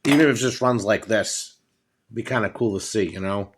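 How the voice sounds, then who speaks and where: Indoors at a wooden table at home, a middle-aged American hobbyist holds a phone from behind the camera and shows off items in a casual, off-the-cuff show-and-tell. His voice is fairly low and slightly rough, and he speaks in a halting, matter-of-fact way.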